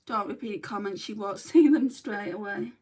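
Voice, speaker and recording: A middle-aged woman from northern England, speaking with that region's accent, chats casually on a makeup livestream, reading out comments, muttering to herself as she works and noting her back pain. She comes across chatty and self-deprecating. Her voice is medium-pitched, husky and darkish, at a moderate pace.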